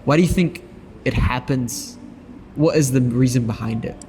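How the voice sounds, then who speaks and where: A man's voice: mid-range voice, normal speed, a little mellow. A man hosting a casual chat, asking questions hesitantly with many fillers. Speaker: host. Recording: roomy reverb with background hiss.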